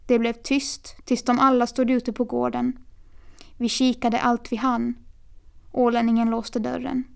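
Woman, audiobook narrator, steady quiet telling, monotone, creaky. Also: fairly high pitch. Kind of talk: audiobook reading.

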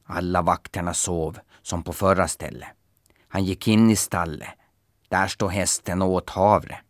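A man narrating a children's folktale in a gentle, playful storytelling manner. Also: low voice, fairly even intonation, no echo, clean studio sound.

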